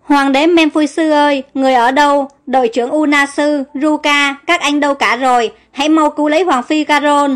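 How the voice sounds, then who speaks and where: A desperate young servant girl begs her mistress, as a woman narrator puts her on in a storybook reading. Her voice sits high and bright, and she speaks with breathless urgency. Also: steady tone, a little fast, few pauses, faint music behind, close to an everyday voice. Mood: pleading. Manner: pleading, urgent. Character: loyal young female servant girl, frantic.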